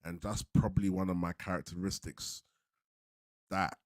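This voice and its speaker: Casting: male fan-channel host, deep voice, London roadman accent, relaxed street slang, casual livestream chat, very dry sound. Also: normal speed, no echo. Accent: London roadman, multicultural urban slang. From London, England. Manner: laid-back, slangy, repeats himself, tag phrases.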